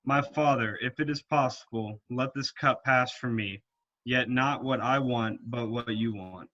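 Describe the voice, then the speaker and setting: A man reading the part of Jesus in a church reading, speaking in a measured, solemn way. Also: mid-range voice, bright, forceful tone, lo-fi sound. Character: Jesus, calm grave male teacher. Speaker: reader.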